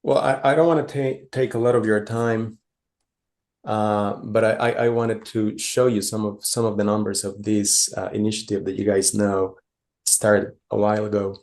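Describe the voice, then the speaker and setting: Gravelly low-voiced man from Costa Rica. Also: flat delivery, moderate pace, darkish tone. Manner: hesitant, many fillers and restarts. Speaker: conference presenter. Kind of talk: conference talk with slides.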